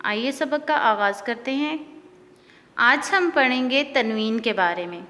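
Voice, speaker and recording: A woman teacher speaks very slowly and stretches every syllable as she drills letters one at a time. Her voice sits a little high. A long reverb trails behind her words. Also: pushed and bright. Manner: drills each letter, drawing out words and checking understanding. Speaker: Quran reading teacher. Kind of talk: slow recited lesson.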